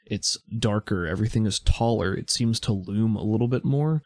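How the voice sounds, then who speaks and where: A man narrating as game master of a tabletop role-playing game, measured and descriptive with frequent fillers. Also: on the low side, a little mellow, no echo.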